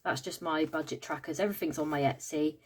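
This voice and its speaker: A woman's voice: sits low, fairly even intonation, fast talker, a little hiss or hum. A British woman in a casual budgeting vlog, tired and yawning, counting money aloud with many "um" fillers. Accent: British English. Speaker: budgeting vlogger. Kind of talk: casual cash-stuffing vlog chat.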